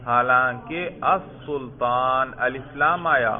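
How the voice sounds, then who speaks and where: A man teaching an Arabic grammar lesson, questioning students and drilling their answers. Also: mid-range voice. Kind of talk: classroom lesson. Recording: phone-like narrow sound.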